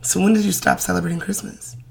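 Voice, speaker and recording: A woman's voice: on the low side, steady tone, fast, creaky. A woman chatting casually and playfully in slang as a podcast co-host. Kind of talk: casual chat.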